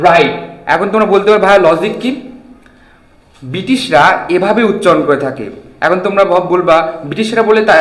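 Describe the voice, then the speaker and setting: A man's voice: high-pitched, reverberant, rough recording. A young man teaching an English lesson at a board. He keeps quizzing his students with repeated questions. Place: classroom with a board.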